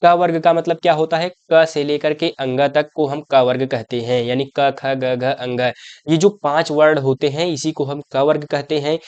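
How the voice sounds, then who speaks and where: Young man, teacher, slightly high voice, dry close sound, step-by-step explaining, asks and answers his own questions. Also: level tone, normal speed, a little mellow, clear, resonant tone, no room sound, lo-fi sound. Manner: calls viewers "my brother". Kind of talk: exam-prep grammar lesson.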